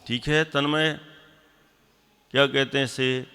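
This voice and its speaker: A man teaching a religious class, slowly repeating definitions and quizzing and scolding his pupils. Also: mid-range voice, fairly even intonation, bright, forceful tone, clear, resonant tone, in a large hall. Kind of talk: classroom lesson with questions to students.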